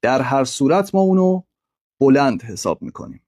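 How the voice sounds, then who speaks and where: A man's voice: medium pitch, very animated, a little mellow, dry recording, studio quality. A man teaching a literature lesson over slides, methodically breaking words into syllables.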